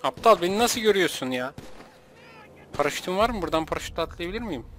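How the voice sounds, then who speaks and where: A man's voice: high-pitched, animated, quick pace, a bit bright, slight background noise. A man hosting a gaming video, giving casual let's-play commentary in a playful, joking way with frequent laughter.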